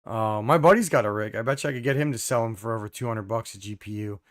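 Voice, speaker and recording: A young man with a hoarse, lowish voice hosts a casual live stream, reading out viewer comments. He talks fast, using lots of fillers and clearing his throat often.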